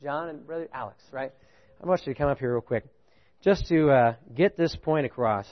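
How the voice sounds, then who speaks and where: A man preaching a sermon, animated, often stopping to ask the congregation "right?". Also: a little fast, dull audio. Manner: animated, rising pitch on key points, chuckles, asks "right?". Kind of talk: sermon with audience participation.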